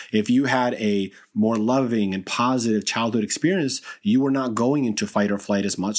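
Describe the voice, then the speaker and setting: A man with a somewhat low, breathy, husky voice hosts a self-help podcast. He talks in an encouraging, unscripted way and often circles back to restart a phrase. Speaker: podcast host.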